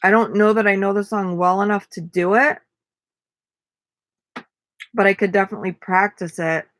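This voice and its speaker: A woman's voice: medium pitch, steady tone, moderate pace, a bit bright, no room sound. Tired young woman chatting on a live stream. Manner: rambling, many fillers. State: tired, yawning. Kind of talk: casual live-stream chat.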